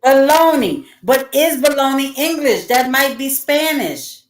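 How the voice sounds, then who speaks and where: A woman's voice: high voice, expressive, unhurried, reverberant, noisy background. A woman co-hosting a casual chat, amused and teasing.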